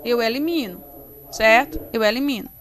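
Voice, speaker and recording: A Brazilian Portuguese-speaking woman teaching an online class, explaining step by step and sounding out syllables slowly. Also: on the high side. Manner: slow, explains step by step, syllabifies words aloud. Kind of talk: recorded online class lesson. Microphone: computer mic while writing with mouse.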